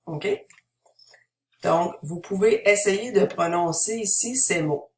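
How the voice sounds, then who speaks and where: A woman teacher giving a French pronunciation tutorial, modeling words slowly, checking in with "ok?" and filling pauses with "euh". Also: lowish voice. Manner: slow, deliberate modeling of words, switching between French and English explanations; frequent "ok?" checks and "euh" fillers. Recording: roomy, distant mic.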